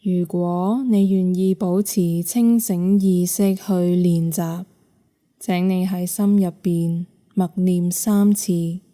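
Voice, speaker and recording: Narrating a guided yoga nidra meditation, a woman with a Hong Kong Cantonese accent speaks in a low, very mellow voice with a dark, deeply relaxed tone. Her delivery is slow and soft, with long, soothing pauses between phrases.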